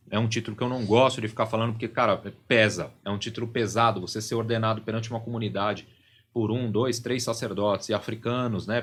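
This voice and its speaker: A middle-aged Brazilian man, a religious leader appearing as a podcast guest, explains things at length and keeps checking in with "né?" and "entende?". His voice is fairly low and a bit bright.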